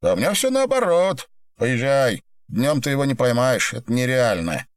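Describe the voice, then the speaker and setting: A man's voice: mid-range voice, sing-song, normal speed, smooth, no echo, voice pushed up, close to an everyday voice. A man reading an audiobook and voicing a brash, impatient, foul-mouthed male boss. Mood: jovial. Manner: loud, coarse, bossy.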